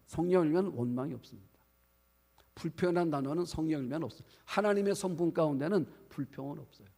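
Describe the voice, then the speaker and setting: A man's voice: a little high, vocal fry, a little mellow, husky. A male pastor preaching a sermon to his congregation, asking them questions as he goes. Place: church sanctuary. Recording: long church hall reverb.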